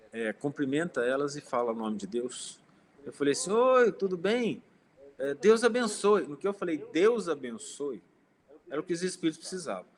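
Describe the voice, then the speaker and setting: A man giving an informal spiritist talk, telling personal stories, speaking directly to his listeners and acting out quoted dialogue. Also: on the high side. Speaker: spiritist lecturer.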